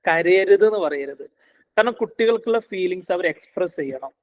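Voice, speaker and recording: A man giving a parenting class, acting out a harsh and then a gentle parent talking to a child. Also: high-pitched, animated, moderate pace. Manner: acts out scolding and tender parent lines in a coaxing voice. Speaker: parenting trainer. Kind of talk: online class lecture.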